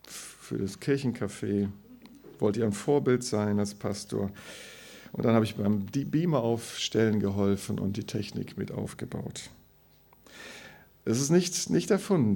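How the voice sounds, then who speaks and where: A man's voice: medium pitch, vocal fry, mellow. A man who is a pastor, preaching a sermon and telling stories about himself with self-mocking humor.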